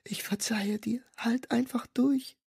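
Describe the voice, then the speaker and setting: Man doing grieving young woman, soft tearful whisper, husky. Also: very high voice, steady tone, slow, pitched above the performer's own voice, heavily acted. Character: grieving young woman beside her dying father.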